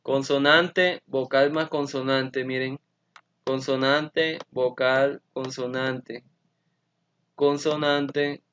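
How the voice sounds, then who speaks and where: A man teaching an English grammar lesson, speaking very slowly and carefully and repeating his examples so students can follow. His voice sits at an ordinary middle pitch, and the recording sounds dull and lo-fi. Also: a bit bright, smooth. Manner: slow, careful explanation switching between Spanish and English.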